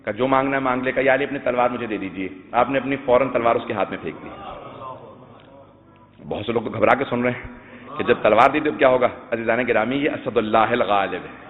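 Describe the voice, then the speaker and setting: A man preaches a sermon in a mid-pitched voice, telling stories and swelling into loud, sung recitation of verses. The sound is tinny and narrow, like a phone line, with a long hall echo trailing each phrase. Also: pauses often. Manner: addresses listeners as dear ones, tells stories. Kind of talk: Shia majlis sermon with sung poetry.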